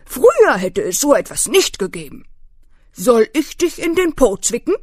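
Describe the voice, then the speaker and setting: A woman's voice: high-pitched, big pitch swings, normal speed, a little mellow, husky, no echo, clean studio sound, voice pushed up, exaggerated voice. A woman voicing a strict old male stag beetle in a children's storybook, scolding and old-fashioned. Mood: stern.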